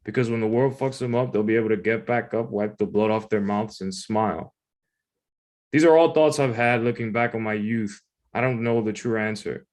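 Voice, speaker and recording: A man's voice: on the low side, steady tone, moderate pace, darkish tone. A man reading his own personal essay aloud in a conversational, informal way. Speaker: writer reading own submission.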